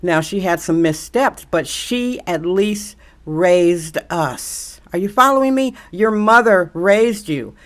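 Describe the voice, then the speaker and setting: This Milwaukee woman, middle-aged and commenting on social media, has a lowish, expressive voice and talks slowly with almost no pauses. Facing the camera, she preaches emphatically, hammering her argument with repeated rhetorical questions.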